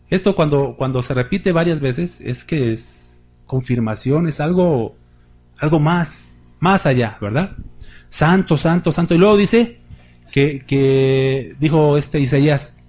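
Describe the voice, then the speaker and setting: A man's voice: medium pitch, darkish tone, slightly rough. A male pastor preaching a sermon, reading scripture aloud with rising emphasis and speaking directly to the congregation.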